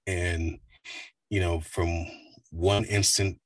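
A man in his forties from the United States, a voice actor and coach with a deep baritone, talking animatedly in an interview. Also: dry recording, recorded from a distance. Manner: animated, slips into quick voice demos. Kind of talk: casual interview talk.

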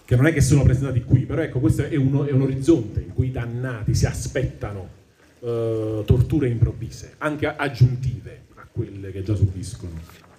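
A man with an Italian accent giving a public talk. He reads verses slowly and with emphasis, then explains them in casual speech. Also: mid-range voice, dark tone, reverberant, slight background noise. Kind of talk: lecture with dramatic verse reading. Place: hall at a public event.

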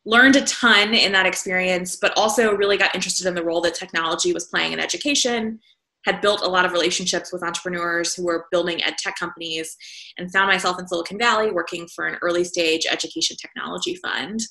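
A woman entrepreneur from the Southern United States tells her story as a guest in a casual interview, using plenty of fillers. Her voice is on the low side, bright and forceful, and she talks fast in a steady tone, with a roomy sound to the recording.

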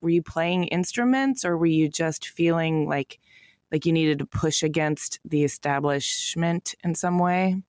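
A woman's voice: sits low, a little slow, darkish tone. A woman host reading an introduction and asking interview questions. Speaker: podcast host.

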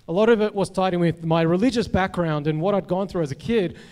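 A man, a psychologist sharing his testimony from the pulpit. His voice sits high for a man, and he talks in a loose, chatty way, full of "um" and "you know" and restarting his sentences. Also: fast, a little mellow, clean tone. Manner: conversational, many fillers and restarts. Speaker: guest speaker, psychologist. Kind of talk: personal testimony sermon.

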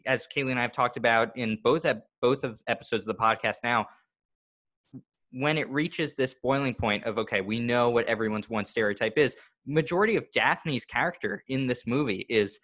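A man's voice: medium pitch, normal speed, fairly bright tone. A man co-hosting a podcast, talking in a chatty, analytical way with long run-on sentences. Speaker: podcast co-host. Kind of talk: casual podcast discussion.

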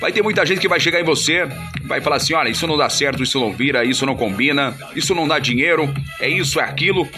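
Chatty host with music behind. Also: male voice, on the high side, animated, quick pace, sharp tone. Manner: slangy, repeats filler words like "meu" and "mano". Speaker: radio-style host. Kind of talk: casual chat with sponsor shout-outs. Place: studio. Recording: music playing clearly behind.

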